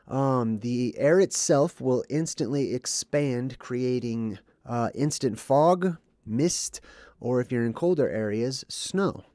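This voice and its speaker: A slightly mellow, mid-range male voice comes through in a dry, clean studio recording. He's a livestream host delivering explanations and reading chat while a bit under the weather and congested, with frequent "okay" or "right" check-ins.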